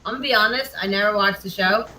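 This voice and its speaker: A woman co-hosting an online trivia game, chatting in an excitable, talkative way. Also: mid-range voice, echoey room, crowd noise, low-quality recording. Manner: chatty, excitable, quick to laugh. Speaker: trivia co-host. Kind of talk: casual chat.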